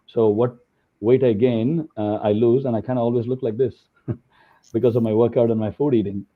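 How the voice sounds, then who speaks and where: A man's voice: mid-range voice, fairly even intonation, a little fast. A man from India giving a conversational webinar talk over slides, with many fillers. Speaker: guest speaker. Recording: tinny phone-like call audio.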